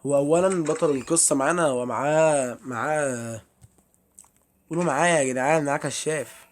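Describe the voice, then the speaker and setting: A man's voice: fairly high pitch, fairly quick. A young man with an Egyptian Arabic accent giving chatty commentary while playing a horror game and talking to his viewers. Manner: chatty, addresses viewers, easily startled. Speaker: gameplay streamer.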